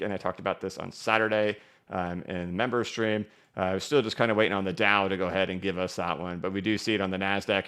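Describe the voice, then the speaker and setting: A man's voice: sits low, fairly bright tone, smooth. A man hosting a casual live market stream, rambling with many fillers and "right?" tags. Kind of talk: casual livestream commentary.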